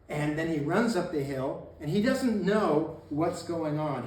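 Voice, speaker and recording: A man giving a casual local history talk to an audience, telling the story with energy and acting out shouted lines and laughing along the way. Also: on the high side. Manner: animated storyteller, acts out shouted quotes, laughs often. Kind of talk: casual public lecture. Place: meeting room with audience. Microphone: distant camera. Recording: echoey room, faint noise, mic far off.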